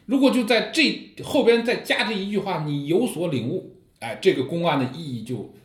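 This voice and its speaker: A man's voice: high voice, moderate pace. A man teaching about Zen koans in a dharma talk, telling stories and asking rhetorical questions. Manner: lively storytelling with rhetorical questions. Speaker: Buddhist teacher. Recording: echoey room.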